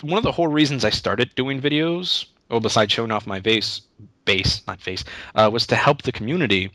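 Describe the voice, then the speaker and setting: This YouTube Let's Play creator, a young man, rambles casually through interview questions as a guest, frequently starting his sentences over. He speaks fairly quickly in a mid-range voice with a bright, forceful tone, captured in a dry recording.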